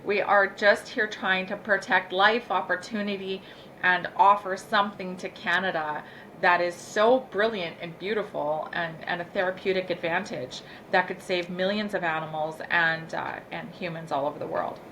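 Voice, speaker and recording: A woman's voice: fairly low pitch, steady tone, moderate pace, pushed and bright, slight background noise. A woman farmer, a guest in an interview, telling a long story in an earnest, emphatic way.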